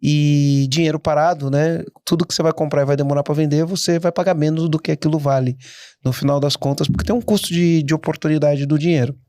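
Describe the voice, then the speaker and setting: A middle-aged man, a guest entrepreneur telling stories in a casual interview, animated and quick to restart his sentences. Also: on the high side, no echo, clean studio sound. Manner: animated, anecdotal, frequent restarts.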